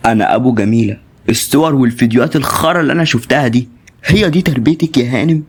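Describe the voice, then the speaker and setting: A man's voice: mid-range voice, rapid-fire, slight background noise, close to an everyday voice. A man with an Egyptian accent voicing an absent middle-aged father who accuses. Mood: accusing.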